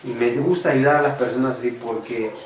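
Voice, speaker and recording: A man's voice: medium pitch, steady tone, a little fast, echoey room, distant mic, a little hiss or hum, low-quality recording. A man preaching a personal testimony sermon, earnest and confessional, often calling his listeners brothers. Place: church meeting room.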